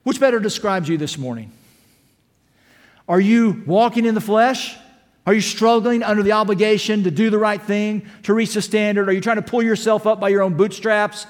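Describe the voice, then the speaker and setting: A man with a high voice preaches a fervent sermon, swinging from hushed, low lines to ringing shouts. His words echo with a long reverb through a church sanctuary. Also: normal speed. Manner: impassioned preaching, rising to shouts, rhetorical questions. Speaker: pastor.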